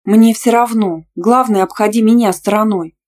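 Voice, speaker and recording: A woman's voice: on the high side, moderate pace, pitched above the performer's own voice, lightly acted. A woman voicing a young female student who answers back sharply and defiantly. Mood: indignant. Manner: sharp, defiant, easily outraged.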